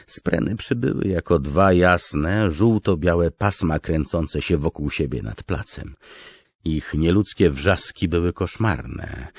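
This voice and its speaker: A man narrating a fantasy audiobook in a measured, steady way. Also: very deep voice, husky, no room sound.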